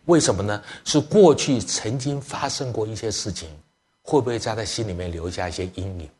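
A middle-aged man, a church elder, preaching to parents through family stories, acting out dialogue and dropping English phrases into his speech. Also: lowish voice. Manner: lively storyteller, acts out family dialogue. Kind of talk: sermon storytelling to parents.

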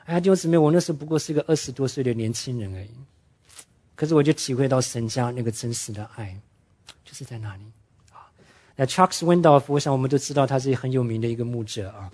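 A man preaching a sermon, telling stories earnestly and slowing down to stress his main points. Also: mid-range voice, darkish tone. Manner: earnest storytelling preacher, drops English words into speech; slows down and drops his voice to stress key points. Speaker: pastor.

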